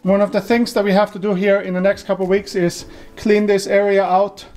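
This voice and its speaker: A man's voice: sits high, fairly quick. A man in his forties walking through the attic he is renovating, explaining his plans casually with many ums and restarts. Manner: relaxed, thinking aloud with many ums and restarts. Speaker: home renovation vlogger. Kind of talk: casual walkthrough narration. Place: large wooden attic under renovation, indoors. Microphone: camera mic, often off-camera. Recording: echoey wooden attic.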